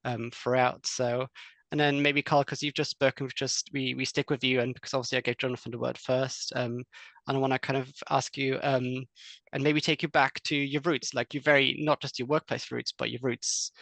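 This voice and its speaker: A man's voice: mid-range voice, little pitch movement, fairly quick, vocal fry, a bit bright, no echo. A man from Austria moderating an online panel discussion, talking hesitantly with many fillers.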